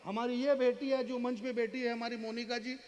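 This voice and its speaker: A high-pitched man declaims verse to a live audience. His voice drops to a hush, then rises to a ringing call, and he breaks off to talk straight to the crowd. A long reverb hangs on every word. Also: level tone, normal speed. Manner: declamatory, swings from hushed to ringing; addresses the crowd directly, banters. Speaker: stage poet. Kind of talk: kavi sammelan poetry recitation. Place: live stage before an audience.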